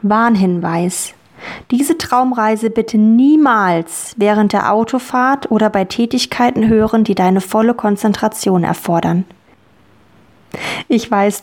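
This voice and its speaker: A woman guiding children through a relaxing dream journey, speaking calmly and soothingly with gentle repetition. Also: medium pitch. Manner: slow, calm, soothing and repetitive. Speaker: guided relaxation guide for children. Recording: soft music bed. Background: soft music.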